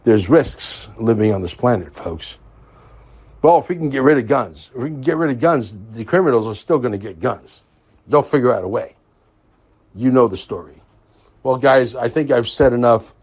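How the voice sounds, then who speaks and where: A man's voice: mid-range voice, lively intonation, normal speed, darkish tone, breathy edge. A man hosting a podcast in a casual monologue, emphatic and repeating phrases for stress. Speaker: podcast host.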